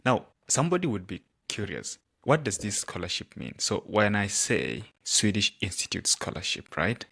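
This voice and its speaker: A man hosts an interview podcast and introduces his guest. His voice sits low. He lays out his questions in a measured, structured way. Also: sing-song, creaky, a bit bright, breathy edge. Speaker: podcast host.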